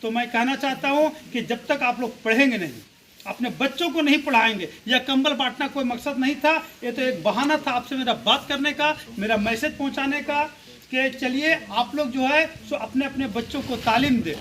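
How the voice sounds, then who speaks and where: A man with a very high voice addresses a community gathering in a public speech. His tone is bright and forceful as he exhorts the listeners, piling up rhetorical questions and repeated lists. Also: normal speed, slight background noise, rough recording. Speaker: speaker at a community blanket distribution event.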